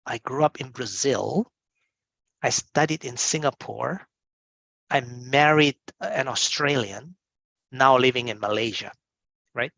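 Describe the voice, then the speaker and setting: A man at a middle pitch with a gravelly edge explains admissions in an interview. He speaks emphatically and keeps checking in with "right?". The sound is dry and close. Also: takes it slowly, long pauses, a bit bright, dry recording, lo-fi sound. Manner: emphatic, repeats "right?" often. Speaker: admissions representative. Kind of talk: interview answer.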